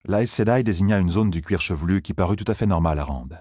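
Male audiobook narrator, low and husky, steady measured delivery. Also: no echo, clean studio sound.

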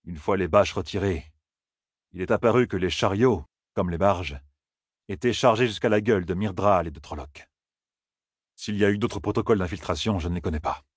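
A man voicing a steady veteran warrior bodyguard giving a matter-of-fact report in an audiobook. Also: low voice, normal speed, breathy edge, no echo, clean studio sound.

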